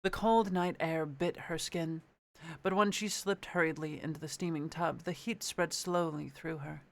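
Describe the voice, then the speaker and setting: A man's voice: fairly high pitch, fairly even intonation, normal speed, gravelly. A man reading a storybook aloud and chatting casually, with a playful, sweary manner. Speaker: amateur book reader. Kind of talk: casual chat and storybook narration.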